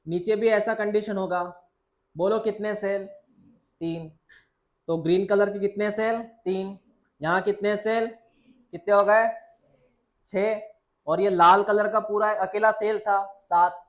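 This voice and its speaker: A man's voice: high voice, steady tone, moderate pace. Man teaching biology, coaxing repetition. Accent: Hindi. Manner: repeats key points and quizzes students, answering his own questions; coaxing, calls the listener "beta". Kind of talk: classroom lecture.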